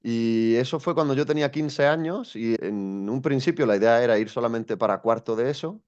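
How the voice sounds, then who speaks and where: Telling his story with many restarts, this young education coach from Spain is a thoughtful, hesitant interview guest. His medium-pitched voice is a little mellow and a little fast, on dull audio.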